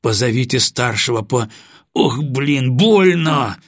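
A man's voice: mid-range voice, moderate pace, husky, dry recording, clean studio sound. A man voicing a stubborn combat pilot captain who speaks tersely and defiantly.

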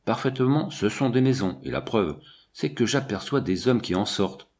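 A man voicing an excitable, easily frightened young male assistant in an audiobook. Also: medium pitch, moderate pace, lightly acted. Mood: insistent.

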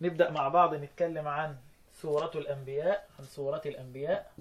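A man with an Egyptian accent teaching Quran readings, explaining verses to a student, quizzing him often and reciting verses slowly. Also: on the high side, steady tone. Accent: Egyptian Arabic.

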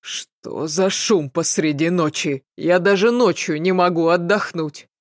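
A woman voicing a sly young male apprentice in an audiobook, speaking in a slow, measured, guarded way. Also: lowish voice, no echo, clean studio sound, natural voice. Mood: wary.

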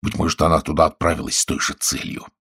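Scheming stout husband read by a man, deep, husky, hushed and secretive, audiobook. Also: flat delivery, fast talker, full character voice. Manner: hushed, conspiratorial, often half-whispered.

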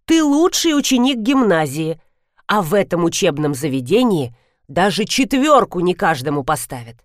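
A woman's voice: fairly low pitch, sing-song, normal speed, no room sound, clean studio sound. Woman voicing an old fussy matriarch. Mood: fussing. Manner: gushing, fussy. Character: elderly lady, soft-hearted matriarch, fussy. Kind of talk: audiobook character voice.

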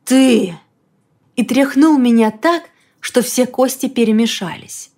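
A woman reading a first-person novel aloud in a lively, expressive storytelling manner. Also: a little high, a little slow. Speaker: audiobook reader. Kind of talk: first-person audiobook narration.

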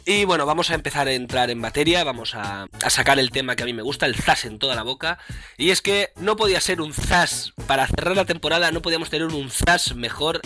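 A man with an accent from Spain and a hoarse, rough whiskey voice, hosting a casual video game podcast. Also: a little high, expressive, fairly quick, sharp tone, faint music behind. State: hoarse after holiday partying and drinking. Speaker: podcast host.

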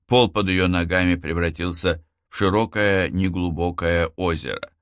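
A man with a deep, low voice narrates an audiobook, recorded close and dry with no room sound. His reading is expressive and often jumps up in pitch to stress a word. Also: moderate pace, smooth, no echo.

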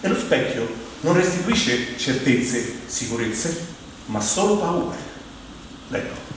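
A stage monologist from Rome, Italy, with a Roman Italian accent performs a humorous theatrical monologue in a colloquial, conversational style packed with asides. His medium-pitched voice swings widely in pitch and moves slowly, captured by a distant mic in a very echoey hall with plucked guitar music and a noisy background.

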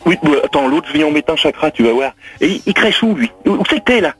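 A man's voice: a little high, lively intonation, fast talker, fairly bright tone, breathy edge, faint music behind. A middle-aged man on the phone, exasperated and blustering with threats. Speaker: prank call target. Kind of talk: phone conversation.

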